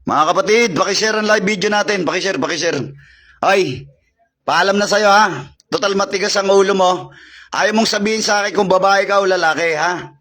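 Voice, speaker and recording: His high voice pushed and bright, at normal speed, a man leads a live-streamed healing and exorcism as a faith healer. He keeps repeating commands and questioning a spirit.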